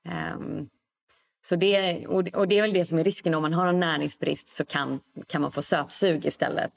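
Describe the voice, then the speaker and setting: A woman speaking as a podcast guest in an easy, reflective way. Her voice is very low, with a gravelly creak at the ends of her phrases, and she often pauses to find her words. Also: steady tone. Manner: reflective, thinks aloud with pauses. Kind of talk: casual podcast conversation.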